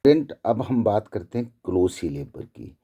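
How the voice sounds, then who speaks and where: A male teacher giving a slow, deliberate lecture, explaining each point with repeated examples. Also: fairly low pitch, big pitch swings, mellow, breathy edge, lo-fi sound. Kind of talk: classroom lecture.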